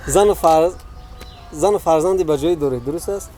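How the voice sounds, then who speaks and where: A man's voice: fairly high pitch, dark tone, soft background music. A man with a Tajik accent hosting a comic quiz segment, playful and laughing often as he explains the rules. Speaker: host.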